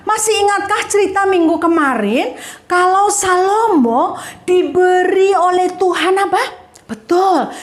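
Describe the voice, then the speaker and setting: A woman Sunday school teacher telling a Bible story to children in a lively, playful way, often addressing them directly. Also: very high voice. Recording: echoey room.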